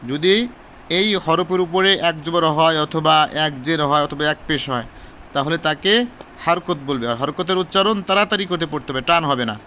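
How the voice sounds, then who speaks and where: A man with a Bangladeshi Bengali accent teaches Quran reading slowly, step by step, repeating each syllable several times. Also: a little high, bright, forceful tone, slight background noise. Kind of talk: slow step-by-step lesson.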